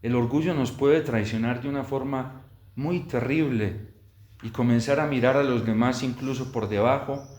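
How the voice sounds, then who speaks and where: A man, a priest, celebrating Mass and preaching a homily in slow, measured phrases, heard with an echoey church reverb. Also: medium pitch, a little mellow. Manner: slow, measured preaching with long pauses, rising in intensity.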